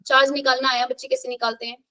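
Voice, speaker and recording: Brief: high-pitched woman, brisk classroom chemistry teacher, quizzing and counting aloud. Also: little pitch movement, background noise. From India. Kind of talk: live classroom revision lesson.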